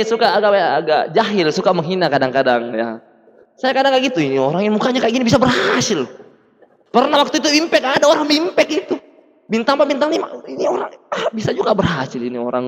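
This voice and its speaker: Man, very high voice, lively storytelling, acts out dialogue, reverberant hall. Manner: animated storytelling, acts out dialogue, laughs often. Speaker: motivational speaker. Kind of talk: testimonial talk to an audience.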